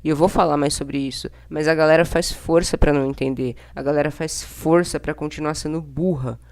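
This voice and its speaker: Young woman, Brazilian accent, low pitch, casual vlog monologue, opinionated, blunt, slangy, exasperated. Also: steady tone, a little fast, a little mellow. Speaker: vlogger.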